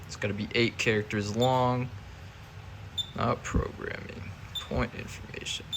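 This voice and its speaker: A man's voice: mid-range voice, level tone, measured pace, vocal fry, background noise. A man giving a casual hands-on demonstration, narrating each step informally as he goes. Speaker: fire alarm hobbyist demonstrator.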